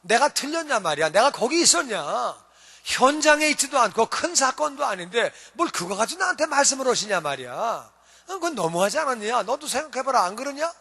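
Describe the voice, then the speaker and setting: Man playing a grumbling, pleading middle-aged politician, high bright voice in a reverberant hall. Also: big pitch swings, a little fast, creaky, husky, heavily acted. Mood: drunken grumbling. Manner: indignant, then begging and stammering. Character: drunk, pleading African male legislator.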